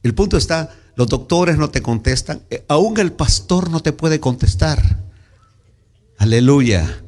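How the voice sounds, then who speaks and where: A pastor with a Salvadoran accent preaching in church, dramatic, acting out scenes and shouting cries. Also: male voice, fairly high pitch, lively intonation, measured pace. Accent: Salvadoran Spanish. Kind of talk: sermon. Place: church sanctuary.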